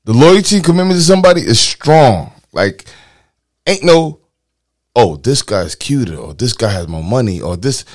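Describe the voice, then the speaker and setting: A man in his late thirties, co-hosting a podcast, talking in an animated, slangy way in a casual chat. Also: mid-range voice, normal speed. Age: 30s. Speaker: podcast co-host.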